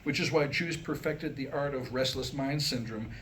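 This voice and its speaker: This clip has a medium-pitched male voice at a moderate pace, with a noisy background. He is a comedian performing a humorous monologue he wrote himself, reading it live for a small crowd with wry, mock-academic rhetorical questions.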